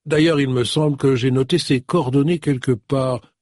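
A man's voice: medium pitch, steady tone, normal speed, darkish tone, no echo, studio quality, lightly acted. A man reading an audiobook, voicing a chatty, rambling woman on the phone. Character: chatty contralto-voiced woman employer. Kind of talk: audiobook character voice.

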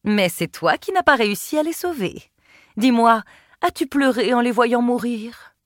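A woman's voice: expressive, normal speed, dry recording, studio quality, lightly acted. A woman reading an audiobook, voicing a cruel, haughty queen who taunts and commands in a raised, mocking voice. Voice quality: sneering, shrill when angry. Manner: taunting, imperious. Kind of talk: audiobook character voice.

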